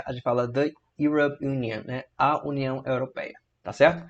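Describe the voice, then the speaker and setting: This fairly high-voiced man, speaking with a Brazilian Portuguese accent, explains English grammar rules one step at a time in an online lesson, reading examples slowly and frequently adding "tá?" and "né?". The recording's highs are cut off.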